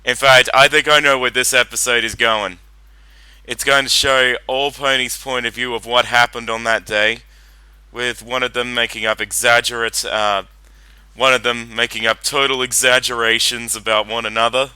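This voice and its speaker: A man's voice: medium pitch, little pitch movement, normal speed, bright, forceful tone, clean tone, no room sound, low-quality recording. A man giving casual, rambling reaction commentary, often repeating himself, with faint music behind.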